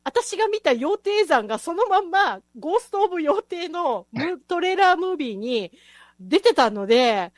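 Woman host, high voice, very animated, dry close sound. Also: normal speed, no room sound. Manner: enthusiastic, chatty, laughs often. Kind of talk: casual chat.

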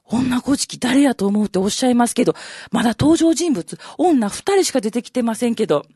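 Brief: naive Kansai fellow in rakugo, played by a woman, pestering and incredulous, lively pitch. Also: fairly quick, husky, no room sound, clean studio sound. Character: naive, uneducated Kansai man asking questions. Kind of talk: rakugo storytelling.

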